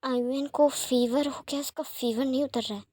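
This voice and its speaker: A worried young woman in a storybook romance, apologetic and pleading, as a woman reads her aloud. Her voice is high and the recording is close and dry. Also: fairly even intonation, moderate pace, darkish tone, no echo.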